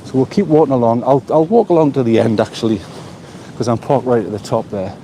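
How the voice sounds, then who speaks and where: Strolling a seaside pier, a North East English vlogger keeps up a rambling live chat with his viewers, repeating words while he gathers his thoughts. His mid-range voice is dark and a little fast, captured by a small mic on his phone with slight hiss or hum.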